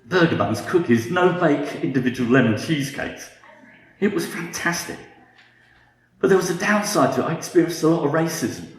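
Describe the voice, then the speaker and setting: A man's voice: on the high side, expressive, moderate pace, reverberant, a little hiss or hum. A British man in his fifties giving a humorous talk with dry, self-mocking wit. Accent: British English. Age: 50s. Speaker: guest speaker.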